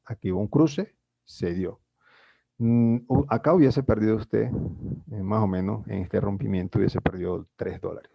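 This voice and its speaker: A man's voice: lowish voice, creaky, breathy edge, dull audio. A man explaining chart trading in a screen-share tutorial, talking formally to viewers with many fillers and restarts. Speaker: trading instructor.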